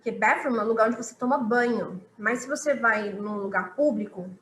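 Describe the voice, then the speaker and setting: A woman teaching a live online English lesson, explaining slowly, repeating example sentences and checking in with "ok?". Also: a little high, fairly bright tone, roomy sound, slight background noise, poor audio.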